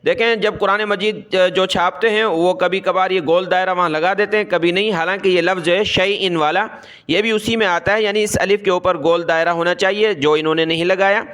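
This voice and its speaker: A man teaching Quran recitation rules, spelling out letters one by one and chanting the words in long drawn-out tones. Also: high-pitched, fairly even intonation, a bit bright, clean tone. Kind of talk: tajweed lesson.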